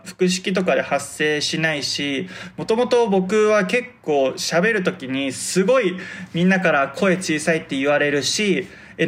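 A soft-spoken man hosting a casual solo podcast, consciously projecting his voice and articulating each word with care. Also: high voice. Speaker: podcast host.

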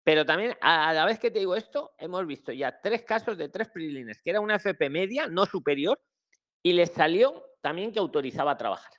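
Male host, lively swooping voice, explains things over and over on a live call. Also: high-pitched, fairly quick. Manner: animated, repetitive explaining. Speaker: host of an online immigration advice session.

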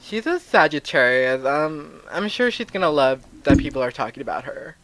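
A man's voice: on the high side, big pitch swings, moderate pace, a bit bright, low-quality recording. A man with a lisp that makes his s sounds slushy, chatting candidly and casually as a podcast host.

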